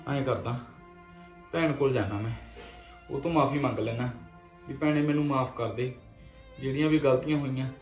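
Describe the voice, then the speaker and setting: In a regretful scene, an actor plays a young brother begging his sister's forgiveness after losing his land, pleading and repentant with many pauses. His natural, medium-pitched voice sounds dull in an echoey room with soft music behind it.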